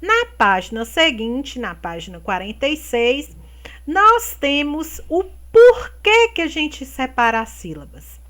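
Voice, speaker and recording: Slow, lively teacher woman. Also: high-pitched. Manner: slow, clear, syllable-stretching teacher talk with tag questions. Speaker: primary school teacher. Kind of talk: remote classroom lesson for children.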